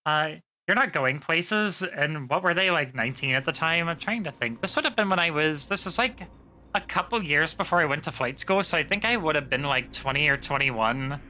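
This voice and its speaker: A woman's voice: sits low, expressive, moderate pace, bright, forceful tone, slight background noise. A woman streamer chatting casually to her viewers, rambling with plenty of fillers and swearing freely. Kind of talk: casual live-stream chat.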